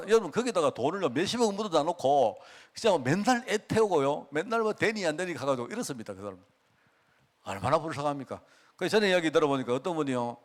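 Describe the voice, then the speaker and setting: A middle-aged male pastor, preaching a folksy sermon full of rhetorical questions. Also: on the high side. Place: church sanctuary.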